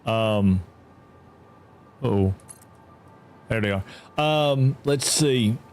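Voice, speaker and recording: A man's voice: drawn-out words, faint music behind. A man from Georgia with a Southern accent, chatting casually while live-streaming a game and answering chat. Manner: chatty, drawling, reads chat aloud, jumps high when excited.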